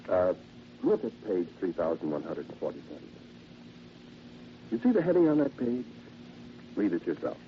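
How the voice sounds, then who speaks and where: A radio drama actor with a low, very animated voice plays a genteel, chatty encyclopedia salesman who is henpecked and quietly sinister, his delivery swooping in a sly, insistent way. It's a one-sided vintage radio horror monologue, polite, halting, insinuating and theatrical, on a noisy, dull old recording.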